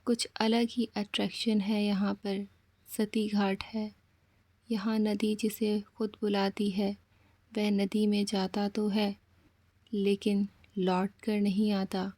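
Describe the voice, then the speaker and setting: A woman's voice: medium pitch, flat delivery, slow, mellow, no room sound. A woman voicing a stern young village man who scolds and warns ominously in a horror story. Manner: scolding, warning tone.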